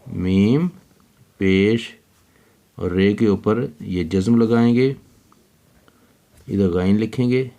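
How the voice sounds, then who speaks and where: A man with a fairly low voice teaches young children handwriting. He speaks very slowly and patiently, spelling out each letter one at a time as he writes. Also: dark tone.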